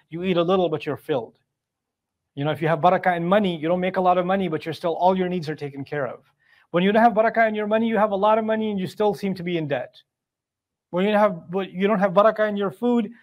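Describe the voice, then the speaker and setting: A man's voice: sits high, a little mellow. A man giving a Quran commentary lesson, reciting Arabic verses and explaining them in English in a conversational way, with rhetorical questions. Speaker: Quran teacher.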